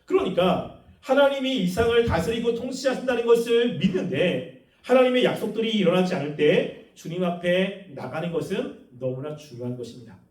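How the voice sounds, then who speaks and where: Korean pastor preaching, lively high voice. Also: male voice, a little fast, distant mic. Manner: asks the congregation questions and acts out quoted prayers. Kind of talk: sermon. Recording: echoey room, voice off the mic.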